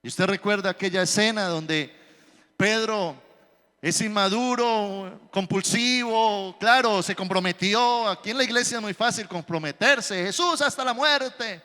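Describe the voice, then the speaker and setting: A pastor preaching with dramatic storytelling flair. His voice sits high and sounds bright and forceful, and a long church reverb trails every line. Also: a little slow. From Colombia. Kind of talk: sermon.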